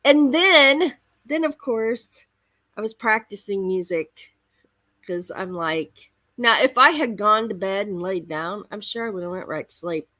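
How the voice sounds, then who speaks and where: Bright-voiced woman chatting at leisure. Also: mid-range voice, no room sound. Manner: expressive, rambling storyteller. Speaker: host of a crafting livestream. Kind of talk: casual chatty livestream monologue.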